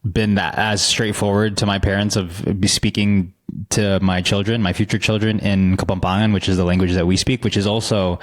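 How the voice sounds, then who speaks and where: A man hosting a podcast interview, sharing his thoughts earnestly with halting restarts before asking a question. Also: lowish voice, little pitch movement. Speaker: podcast host.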